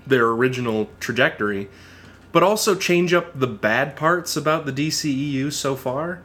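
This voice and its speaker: Animated man co-hosting a podcast. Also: medium pitch, moderate pace. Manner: animated, laughs often, restarts sentences. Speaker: podcast co-host. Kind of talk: casual chat.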